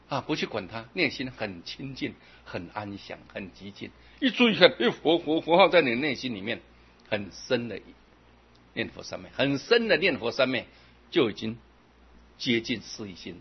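A man giving a Buddhist dharma talk, chanting examples fast and slow and asking rhetorical questions. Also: mid-range voice, husky, highs cut off. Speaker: Buddhist teacher.

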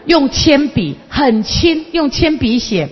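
A woman's voice: high voice, slow pace. A woman, a counseling lecturer telling a story to an audience and acting out the dialogue. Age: 50s. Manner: lively, acts out dialogue and mimics people. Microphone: handheld microphone. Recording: echoey hall, dull lo-fi sound.

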